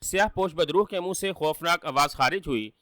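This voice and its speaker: Bright-voiced male storyteller. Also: on the high side, no echo, studio quality. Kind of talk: scripted story narration.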